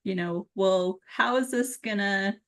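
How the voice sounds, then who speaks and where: Relaxed, laughing woman guest from Utah. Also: mid-range voice, unhurried. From Utah, USA. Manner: relaxed, laughing, filler-heavy. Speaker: guest, psychic medium. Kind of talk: casual interview chat.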